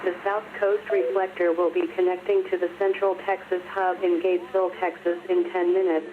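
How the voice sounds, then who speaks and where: A woman's automated repeater announcement heard over a two-way radio, flat and repeated word for word. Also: lowish voice, a little fast. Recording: tinny radio audio with heavy static.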